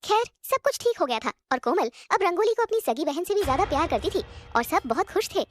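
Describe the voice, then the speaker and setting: High-voiced, fast woman narrating a story. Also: very animated, a little hiss or hum. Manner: plain, brisk storytelling. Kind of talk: scripted narration.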